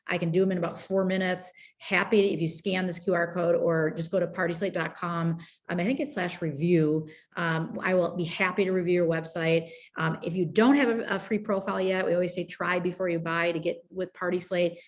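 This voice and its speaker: Upbeat woman hosting a video-call webinar. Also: on the low side. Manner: upbeat, chatty, many "um"s. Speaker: webinar host. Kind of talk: moderating a panel webinar.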